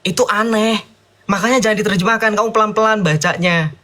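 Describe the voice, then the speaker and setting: A man with a somewhat high voice, debating in a combative, mocking way. He talks fast and keeps challenging the other side, and he stops now and then to read passages aloud. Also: sharp tone. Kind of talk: heated debate.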